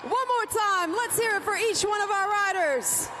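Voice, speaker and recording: An arena event announcer giving a loud rally speech to hype up the crowd, exhorting with shouts and drawn-out words. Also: very high-pitched, lively intonation. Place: large indoor arena. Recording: noisy live arena PA sound.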